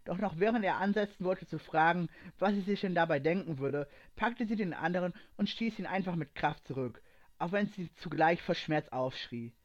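A man reading a story aloud in an even, steady storytelling manner. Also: high-pitched, normal speed. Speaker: narrator. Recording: dull lo-fi recording.

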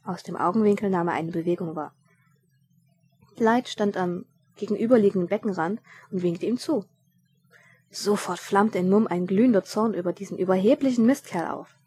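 A woman's voice: mid-range voice, moderate pace. Woman narrating a humorous story. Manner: lively storytelling with small slips. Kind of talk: audiobook storytelling.

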